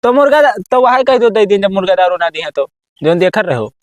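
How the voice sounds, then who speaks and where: A man's voice: sits high, animated, fairly quick, no room sound, lo-fi sound. A man with an Awadhi accent playing a pushy, cajoling village go-between in an amateur comedy sketch. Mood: exasperated. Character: pushy village go-between arranging a contract killing.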